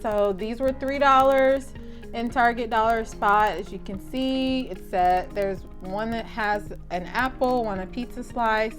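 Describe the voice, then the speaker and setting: A woman's voice: fairly high pitch, unhurried, faint music behind. A young woman with a Southern accent, chatting casually and rambling as a teacher vlogger. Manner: chatty, rambling, many "like"s and restarts. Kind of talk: casual vlog chat.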